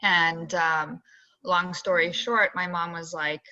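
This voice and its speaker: A young woman from Zambia, an assistant golf coach, telling her story in a chatty, animated way full of fillers on a video call. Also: on the low side, takes it slowly. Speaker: assistant college golf coach, interview guest. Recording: dull lo-fi video call audio.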